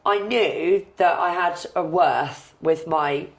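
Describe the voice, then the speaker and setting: A woman hosting a podcast in casual chat, her voice husky and croaky from flu, self-mocking and quick to laugh. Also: on the low side. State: hoarse from flu. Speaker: podcast host.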